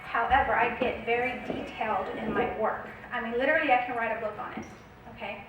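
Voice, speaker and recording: A woman casually reading out and telling a long dream to her viewers, often stopping to check in with a quick "okay?". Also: on the high side, heavy reverb, recorded from a distance, noisy background. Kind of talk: casual storytelling narration.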